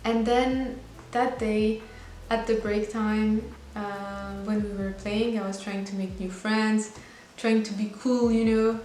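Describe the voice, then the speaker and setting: A Belgian woman in her twenties, a native French speaker, vlogs to camera about her life in an earnest, chatty way with small restarts. Her mid-range, darkish voice holds a steady tone as she speaks slowly and barely pauses. The room is echoey with a faint hiss.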